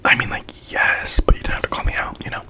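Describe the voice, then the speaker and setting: In ASMR style, someone whispers a slangy, chatty storytime while eating, acting out quoted lines as they go. The voice is fast with a sharp tone.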